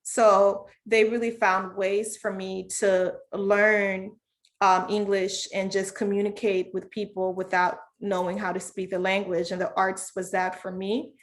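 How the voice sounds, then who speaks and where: A woman from Zambia, a children's book author, reading her story aloud and then talking about it on a video call in a relaxed, conversational way. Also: medium pitch, a little slow. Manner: relaxed, conversational, many fillers. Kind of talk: reading aloud and interview answers.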